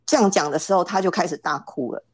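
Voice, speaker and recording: Low-voiced woman telling a family story. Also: quick pace, a little mellow, dry recording. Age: middle-aged. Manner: hesitant, repeats words as she starts. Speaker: podcast guest. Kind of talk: casual storytelling.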